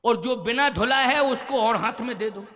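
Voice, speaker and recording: A stubborn, cheeky boatman devotee who bargains and insists with a teasing edge, as a male preacher voices him. The voice is very high and bright, close to the preacher's own. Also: moderate pace.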